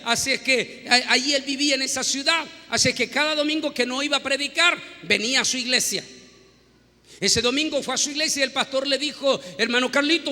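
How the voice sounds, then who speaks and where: Male preacher, high bright voice, dramatic storyteller moving from hushed to shouting, big church reverb. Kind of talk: sermon. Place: large church. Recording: long hall reverb.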